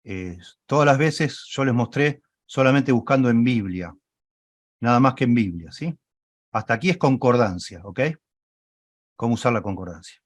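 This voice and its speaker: A man's voice: mid-range voice, animated, moderate pace, no room sound. A man, teaching a Bible study class. He walks through a screen demonstration, often checks in with his listeners and corrects himself along the way.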